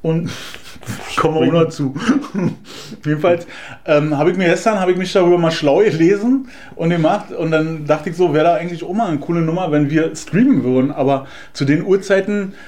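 A man's voice: a little high, moderate pace, a little mellow, a little hiss or hum. A man, co-hosting a casual podcast chat, joking, rambling and often laughing. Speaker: podcast co-host.

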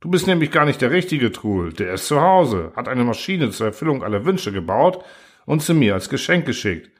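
A man voicing a sly, gleeful male robot constructor who mocks and coaxes in a raised, lively voice. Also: medium pitch, normal speed. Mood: gloating. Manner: mocking, cheerful cruelty.

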